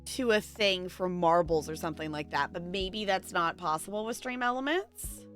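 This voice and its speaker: Her voice sits on the low side, a bit bright, at a moderate pace. She is a livestream host chatting casually and rambling as she thinks aloud to viewers, with faint music behind her.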